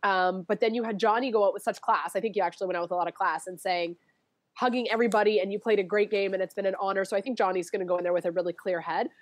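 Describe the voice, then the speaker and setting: A chatty woman talking as a guest, animated and full of laughs, jumping between thoughts and circling back. Her voice sits in a middling pitch. The recording is dry, with no room sound. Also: rapid-fire, no echo. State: allergies, sniffly. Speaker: guest, former reality show contestant. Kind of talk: casual chat.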